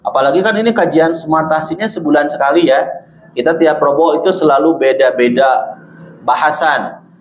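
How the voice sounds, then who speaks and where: A man with a Sundanese accent teaching Quran reading to a class of women, slowly drawing out each syllable in his drills. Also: fairly high pitch, echoey room, a little hiss or hum. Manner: slow and deliberate, drawing out syllables in demonstrations. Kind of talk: classroom lesson with recitation drills. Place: room with women students.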